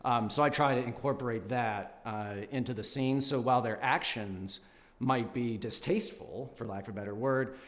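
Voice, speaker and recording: Polite man answering audition questions, reverberant. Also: mid-range voice. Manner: polite, measured and thoughtful. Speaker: actor at an audition. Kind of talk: unscripted audition interview.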